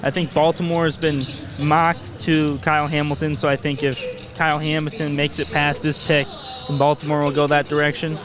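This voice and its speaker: A man's voice: on the high side, flat delivery, moderate pace. A man giving casual live sports commentary as a co-commentator, chatting through his opinions. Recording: prominent music behind the voice. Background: music.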